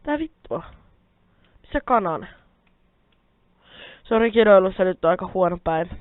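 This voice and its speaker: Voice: mid-range voice, expressive, no room sound. A young-sounding gamer chatters through a let's play, cursing and grumbling as things go wrong. The sound is thin and phone-like, from a mic held close, completely dry with keyboard clicks in the background. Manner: swears a lot, grumbles at the game; rambling, self-talking, addresses viewers. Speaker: Minecraft let's player. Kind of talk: casual gameplay commentary. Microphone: quiet mic held close.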